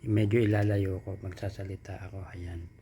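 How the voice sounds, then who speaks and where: A man's voice: low-pitched, flat delivery, a little fast, mellow, a little hiss or hum. A man chatting casually through an unboxing vlog, trying out a new wireless microphone on his phone. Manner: chatty, testing a mic by repeating hello. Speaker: vlogger. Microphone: phone built-in mic, then a wireless clip mic.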